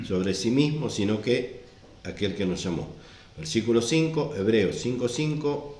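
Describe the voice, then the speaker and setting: A man's voice: lowish voice, a little mellow, echoey room. A man preaching a sermon, stressing and repeating his points as he reads scripture aloud. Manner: repeats and stresses verse references. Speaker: pastor.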